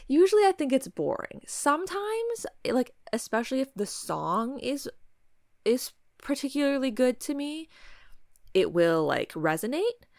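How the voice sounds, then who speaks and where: Female podcast host, conversational. Noticeable vocal fry, close dry sound, halting delivery that circles around the word. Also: high-pitched, big pitch swings, no echo. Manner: halting, choosing words carefully and talking around them. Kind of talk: casual podcast chat during a word game.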